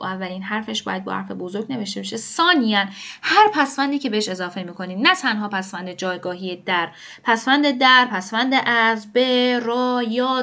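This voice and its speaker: A woman with a high, bright voice teaches a grammar lesson one step at a time. She patiently asks questions aloud and then answers them herself, explaining each rule as she goes. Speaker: language teacher.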